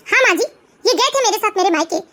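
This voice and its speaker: Young cartoon bride, defensive and quick to explain, very high voice, as a woman plays her. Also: expressive, heavy background noise. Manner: pleading, defensive. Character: young daughter-in-law, defensive.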